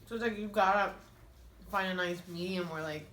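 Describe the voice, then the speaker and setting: A woman's voice: mid-range voice, a little fast, a bit bright, a little hiss or hum. Chatty young woman eating, echoey room. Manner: chatty, laughing, says "like" constantly. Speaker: mukbang vlogger. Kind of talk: casual storytime while eating. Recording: echoey room with faint ambience.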